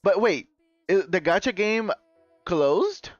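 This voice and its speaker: A high male voice, animated yet slow, comes through with no room sound as he chats live with viewers. He tends to ramble and keeps correcting himself with a chuckle. Faint music plays beneath the dull lo-fi stream audio.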